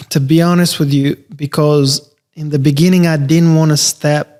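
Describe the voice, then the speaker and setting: A man, a real estate investor talking casually as a podcast guest, relaxed and rambling with many fillers. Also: on the high side, normal speed. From Albania. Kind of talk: casual interview conversation.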